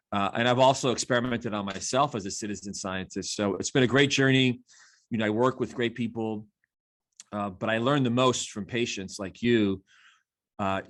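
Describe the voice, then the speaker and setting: A man's voice: lowish voice, fairly bright tone. A man in his fifties with a New Jersey accent, a physician guest talking eagerly in a casual interview and fond of rhyming catchphrases.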